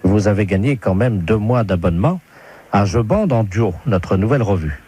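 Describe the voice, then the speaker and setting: Husky man with a dark, low voice. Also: animated, normal speed. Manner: apologetic, mock-embarrassed. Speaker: phone prankster.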